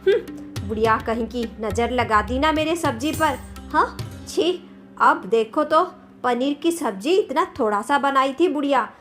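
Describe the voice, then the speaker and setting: A woman's voice: high voice, lively intonation, measured pace, a bit bright. A woman voicing a stubborn, sassy young daughter-in-law in a cartoon story, with a mocking manner. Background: background music.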